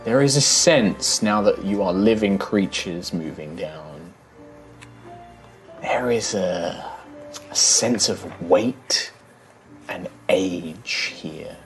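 A man working as game master, giving measured, atmospheric descriptive narration for a tabletop game. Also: low-pitched, expressive, soft background music, poor audio.

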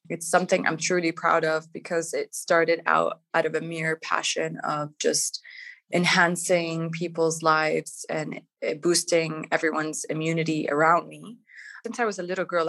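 A middle-aged Canadian woman with a lowish, gravelly, slightly bright voice appears as a guest entrepreneur in a casual interview. She's upbeat and chatty, saying "like" and "you know" a lot.

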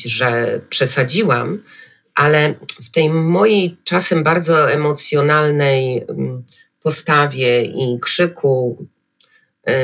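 Husky, gravelly-voiced woman guest. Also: extremely low pitch, fairly bright tone. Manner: emotional, hesitant with many fillers. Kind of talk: podcast interview.

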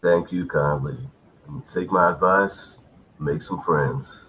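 A man's voice: a bass voice, slow pace, fairly bright tone, exaggerated voice. A man voicing a wary saloon barman with folksy western phrasing in a tabletop game. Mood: wary advice. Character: male saloon barman, low-key, warning of danger.

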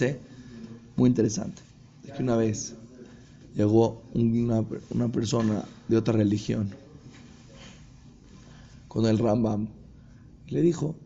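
A man's voice: medium pitch, vocal fry, muffled recording, a little hiss or hum. A man, a rabbi giving a sermon and acting out the voices of a story. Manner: animated storyteller acting out dialogue.

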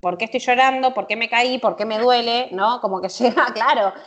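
A woman's voice: fairly high pitch, brisk, a bit bright, highs cut off. Rioplatense woman explaining, full of fillers. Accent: Rioplatense Spanish. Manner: explains with many fillers and tag questions. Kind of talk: casual conversational explanation.

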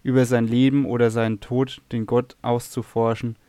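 A man's voice: mid-range voice, little pitch movement, normal speed, mellow, no room sound, lightly acted. A man voicing a troubled noble queen, speaking sadly and guardedly. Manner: sad, guarded.

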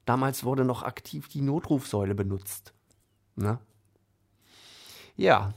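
A man tells a personal story in relaxed, colloquial speech and keeps checking in with little tag questions. His voice sits in an ordinary middle range. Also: mid-range voice, unhurried, vocal fry. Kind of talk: casual anecdote.

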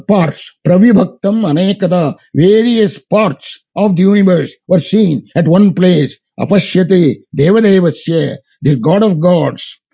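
Male religious teacher, South Indian accent, mellow husky voice, halting repetitive explanation, verse recitation. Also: high voice. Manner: halting, repetitive, rhetorical questions to listeners. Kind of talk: scripture discourse, chanting Sanskrit verses and explaining them. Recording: muffled, lo-fi sound.

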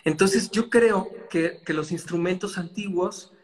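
A man's voice: high voice, unhurried. A man in a casual interview, speaking thoughtfully and hesitantly, with restarts, in a recording with long reverb.

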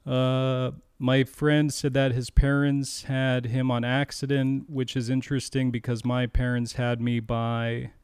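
A man co-hosting a podcast, chatting casually and making wry, deadpan jokes. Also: mid-range voice, measured pace, few pauses, smooth, no room sound, clean studio sound. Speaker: podcast co-host. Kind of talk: casual comedic chat.

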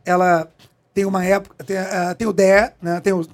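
Swearing, animated man telling a story. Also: high-pitched, moderate pace. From Brazil. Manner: profane, emphatic, animated. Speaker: guest, federal police chief. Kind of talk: animated storytelling in a podcast interview.

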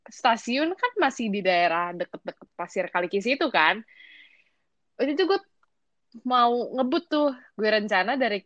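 A young woman, co-hosting a podcast and telling a story in casual, slangy, animated chat. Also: medium pitch, no echo, dull audio. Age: young adult. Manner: animated, slangy, quick bursts of excitement. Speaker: podcast co-host.

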